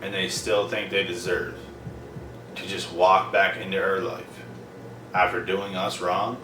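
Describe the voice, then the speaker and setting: A man's voice: low-pitched, flat delivery, a little slow, recorded from a distance. A young man, ranting bluntly and profanely in a casual vlog, repeating himself for emphasis. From Prince Edward Island, Canada. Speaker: vlogger. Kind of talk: casual monologue to camera. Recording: roomy, off-mic, noisy background.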